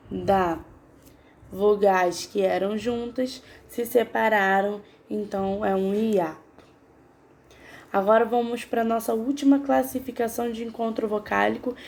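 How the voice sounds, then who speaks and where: A woman's voice: a little high, a little mellow. A woman teaching a grammar lesson, patiently sounding out syllables one by one and asking her students questions. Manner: patient, spells out syllables slowly; asks the class questions.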